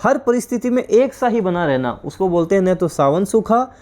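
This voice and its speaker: A man's voice: lively intonation, normal speed. A male teacher from India giving an exam-prep class, explaining each point, repeating it and quizzing his students with questions. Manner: drops to a low, quiet voice on each corrected word.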